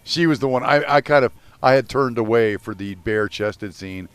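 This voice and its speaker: A man's voice: mid-range voice, normal speed, smooth, no echo. A man co-hosting a podcast in casual chat, rambling through stories and swearing freely. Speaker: podcast co-host.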